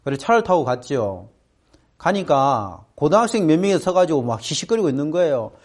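A middle-aged man with a somewhat high voice addresses a room of students, telling a story from his own life. He is animated and slips into the voices of the people in it, with sudden high pitch jumps. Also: brisk. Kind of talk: storytelling talk.

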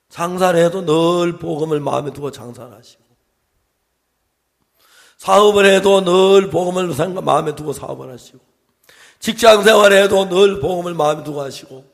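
An older man preaching a sermon as a pastor, emphatic, swinging between loud exhortation and quiet asides, often checking in with the congregation through rhetorical questions. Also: a little high, creaky, long reverb tail.

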